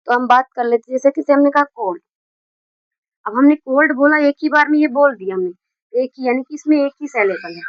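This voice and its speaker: A woman teaching English grammar in Hindi, explaining step by step and dictating example sentences slowly word by word. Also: high-pitched, no echo. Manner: explains step by step with many restarts. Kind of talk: Hindi video lesson on grammar. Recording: dull, dry lo-fi recording.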